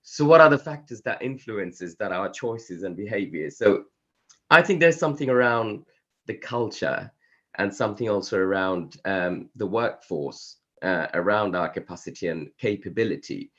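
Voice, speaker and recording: A man with a cold and a croaky voice, presenting a conference talk over a video call in a measured, hesitant way. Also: on the low side, animated. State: hoarse from a cold. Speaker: conference speaker. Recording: dull lo-fi video call audio.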